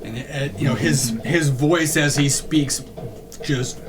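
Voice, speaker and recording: A man running a tabletop game as game master, narrating casually in a halting, improvised way. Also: a little high, fairly even intonation, a little hiss or hum.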